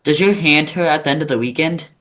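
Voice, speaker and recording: A man's voice: on the high side, fast, a bit bright. A male interview host asking short, plain questions in a casual way.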